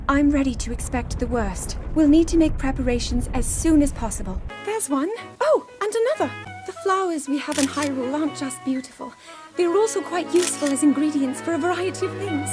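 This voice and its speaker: A woman's voice: high voice, a little mellow. A young woman acting an earnest, scholarly princess burdened by duty in a video game, speaking formally and breathily. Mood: grave, cautionary, then gentle, wistful. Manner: formal, earnest, precisely worded. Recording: background music under dialogue.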